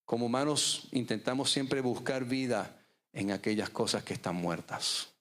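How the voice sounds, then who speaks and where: A man, preaching a sermon as pastor, with dramatic pauses. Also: medium pitch, fairly bright tone. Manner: preaching with dramatic pauses, acting out voices in stories.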